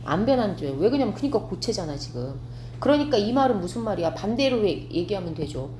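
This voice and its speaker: Woman teacher lecturing, steady mid pitch, checks understanding often, roomy classroom, faint hum. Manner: explains step by step, asks students quick check questions. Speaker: science teacher.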